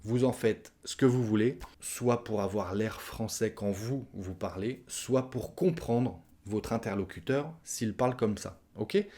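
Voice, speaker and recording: A man's voice: on the low side, warm tone. A man teaching a casual online language lesson, acting out example questions with a sharply rising tone. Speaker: French teacher.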